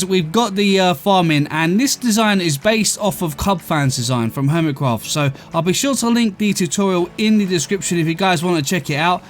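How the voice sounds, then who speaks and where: High-voiced man, slight lisp. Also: fairly bright tone. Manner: chatty, keeps addressing viewers as guys. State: slight lisp from a tongue ulcer. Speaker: let's play host. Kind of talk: casual game commentary.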